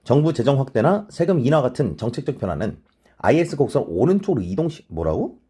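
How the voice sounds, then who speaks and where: A man teaching an exam-prep lecture, talking casually and checking in with his students all the time with quick tag questions. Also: medium pitch, very animated, mellow, breathy edge. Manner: mixes polite and plain speech; many short filler replies to himself.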